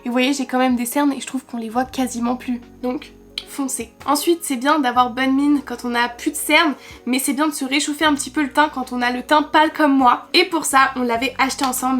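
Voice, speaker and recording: A woman's voice: high voice, steady tone, fairly quick, fairly bright tone. A young woman from France reviewing makeup in a chatty, enthusiastic vlog, talking straight to her viewers. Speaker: beauty vlogger.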